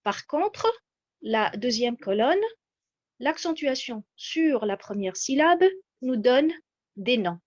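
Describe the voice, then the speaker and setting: A woman giving a measured, explanatory lecture from slides, pausing often with hesitations. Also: fairly high pitch, lively intonation, muffled recording. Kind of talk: slide-based lecture on word stress.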